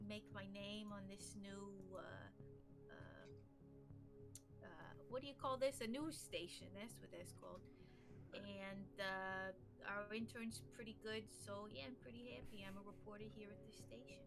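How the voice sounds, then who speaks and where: A woman's voice: medium pitch, fairly even intonation, measured pace, over music, close to an everyday voice. A woman doing an ambitious young reporter. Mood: cheery. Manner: hesitant, full of fillers. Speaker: player.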